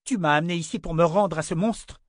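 This is a proud, indignant young woman in a spoken fantasy novel, voiced by a man reading it aloud. Her voice sits well above his own and comes out in sharp, accusing bursts. The read is dry and close, with no room around it. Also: fairly high pitch, fairly quick, no echo, pitched above the performer's own voice, lightly acted. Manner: outraged, accusing.

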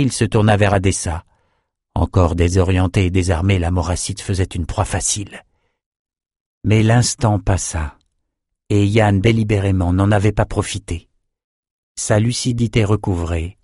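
A man narrating a fantasy audiobook in a measured, even storytelling voice. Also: fairly low pitch, dry recording, studio quality.

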